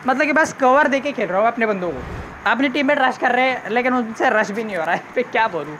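A man commentates his gameplay live. His voice sits high and bright. He is excitable and keeps up joking, casually crude banter. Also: slight background noise. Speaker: gaming YouTuber.

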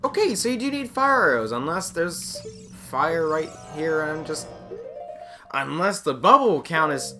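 Woman gamer with a strikingly low, lively voice, slow musing commentary, game music clearly behind. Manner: thinking aloud, muttering to herself between sudden exasperated outbursts. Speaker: video game player. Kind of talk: let's-play commentary.

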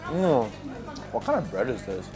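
His medium-pitched voice swings hugely in pitch at normal speed, a little mellow, with soft music behind. A man in his twenties, he chats and jokes casually for his food vlog on a small clip-on mic, moving from a city street outside into a busy small restaurant.

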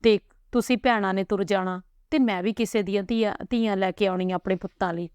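A woman voicing a kind older woman who soothes a crying girl with gentle coaxing. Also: mid-range voice, steady tone, brisk, smooth, dry recording, lo-fi sound, lightly acted. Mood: soothing.

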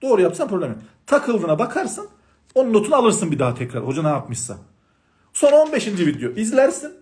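A man's voice: high-pitched, sing-song, fairly quick, a little mellow. A man, a math teacher for exam prep, lecturing students in an emphatic, scolding way and repeating his points insistently. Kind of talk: passionate lecture-style talk to students.

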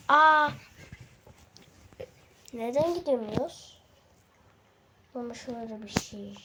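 A woman giving casual, chatty gameplay commentary and talking straight to her viewers, sometimes dropping to a hushed voice. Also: fairly high pitch, slight background noise. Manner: chatty, excitable, addresses viewers directly; drops to a hushed voice at times. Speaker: gaming video creator.

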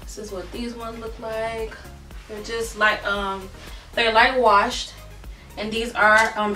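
A woman's voice: on the high side, sharp tone, distant mic. A young woman chatting casually through a clothing try-on in her bedroom, full of fillers and "y'all," tired and out of breath. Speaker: vlogger. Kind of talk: casual try-on haul chat. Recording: roomy echo, from off the mic.

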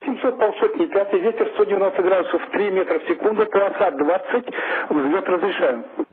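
A man working as a tower controller, heard over an aviation radio channel, giving clearances in clipped radio phraseology. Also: high-pitched, a little fast. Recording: tinny radio band with faint hiss.

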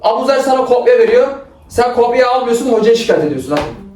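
A man's voice: very high voice, sing-song, fast, darkish tone, a little hiss or hum. A young man leads a playful role-play skit with his sister, bossy and teasing, laughing easily. His voice swings widely up and down. He sounds a little far from the mic in an echoey room, with faint music under him. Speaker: older brother directing a skit. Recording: roomy, from a distance, faint music.

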